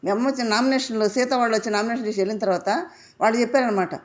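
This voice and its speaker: A woman's voice: on the high side, steady tone, racing. A woman giving a casual episode analysis of a reality show, indignant and firing off rhetorical questions.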